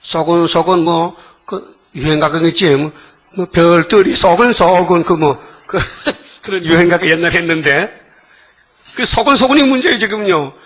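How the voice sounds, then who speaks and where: An older male preacher with a husky, slightly raised voice gives a sermon. He keeps pressing the congregation with quick rhetorical questions. The recording sounds dull and lo-fi. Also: high-pitched.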